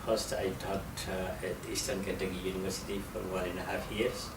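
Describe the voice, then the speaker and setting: A middle-aged man from Nepal with a Nepali accent, answering interview questions in a halting way with many fillers. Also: sits low, little pitch movement. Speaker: interviewee, geography professor. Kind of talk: conversational interview. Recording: roomy and distant, with loud background noise.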